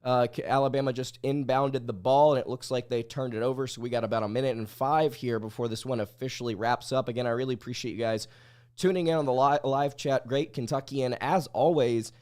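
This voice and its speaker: A man's voice: mid-range voice, fairly even intonation, a little fast, darkish tone, clear, resonant tone. Male sports livestream host, mid-range voice, under the weather, blunt opinionated commentary. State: under the weather, sick-sounding voice. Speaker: podcast host.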